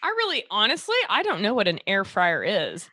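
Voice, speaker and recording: A woman's voice: medium pitch, wildly swooping pitch, brisk, pushed and bright, no echo. A woman with a Texas accent hosting a health podcast, chatty and loose, full of fillers and restarts. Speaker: podcast host, doctor. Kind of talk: casual podcast chat.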